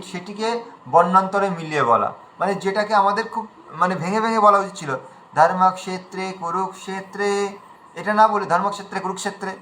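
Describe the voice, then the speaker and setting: A man teaching an online class on reciting Sanskrit verse, explaining slowly in a conversational way and chanting lines drawn out between his explanations. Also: high voice, pushed and bright, slight background noise, poor audio.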